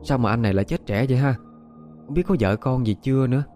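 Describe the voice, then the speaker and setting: A man's voice: mid-range voice, lively intonation, moderate pace, dark tone, faint music behind, pitched above the performer's own voice, natural voice. A man voicing an eighteen-year-old village girl who sounds whiny and pleading. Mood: curious.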